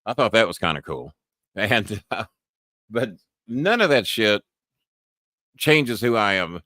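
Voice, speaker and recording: A man's voice: fairly low pitch, very animated, takes it slowly, sharp tone, dry recording, studio quality. A middle-aged American man hosting a live-stream show, rambling bluntly and cursing freely in a casual monologue. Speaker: podcast host.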